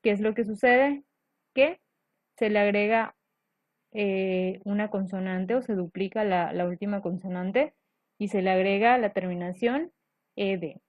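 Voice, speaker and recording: A woman's voice: medium pitch, unhurried, dry recording. A woman teacher explaining grammar rules step by step, patiently checking in with her students. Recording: dull lo-fi dry recording.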